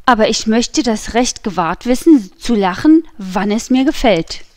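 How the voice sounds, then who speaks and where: A woman's voice: on the high side, expressive, darkish tone, no echo. A woman reading the part of a haughty, mocking nobleman who speaks with cool contempt, in a dry audiobook recording. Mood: scornful. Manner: scornful, unhurried, mocking.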